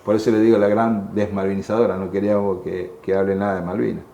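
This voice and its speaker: In an echoey museum room with a faint hum, an Argentine veteran in his sixties shares emotional testimony in a low, mellow, gravelly voice with a level tone, its highs cut off. He speaks haltingly in Argentine Spanish, repeating words and acting out quoted voices.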